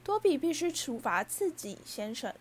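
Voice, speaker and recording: A shrill, high little male house-elf, servile and easily brought to tears, as a woman reading the story puts him on. He squeaks out humble replies at a high pitch and keeps addressing his listener as sir. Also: sing-song, moderate pace, a little hiss or hum. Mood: frantic.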